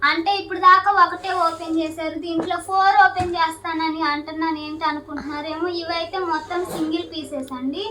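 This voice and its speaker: A soft-spoken woman with an Andhra Telugu accent showing clothes for sale in a casual, chatty way. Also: very high voice, fairly even intonation, fairly quick, hardly any pauses, a little hiss or hum. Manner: soft-spoken, repeats filler words. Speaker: shop owner selling nighties. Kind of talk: casual product showcase. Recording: faint ambience, mic at a distance.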